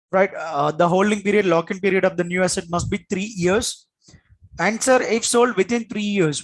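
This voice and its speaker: A man's voice: high-pitched, low-quality recording. A man with an Indian accent giving a classroom lecture as an exam coach, in an emphatic, repetitive manner with frequent check-in questions.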